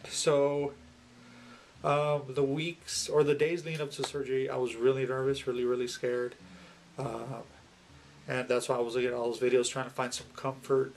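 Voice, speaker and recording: A man talking casually in a personal video log, halting and rambling, with pauses and repeated words. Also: medium pitch, little pitch movement, slight background noise. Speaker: video blogger. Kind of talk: casual personal vlog talk to camera.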